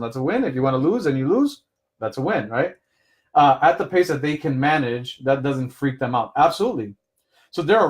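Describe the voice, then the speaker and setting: Man coaching with a slightly high voice. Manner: conversational, keeps checking in with "right?"; explains with personal examples. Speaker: business coach. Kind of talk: live coaching session advice.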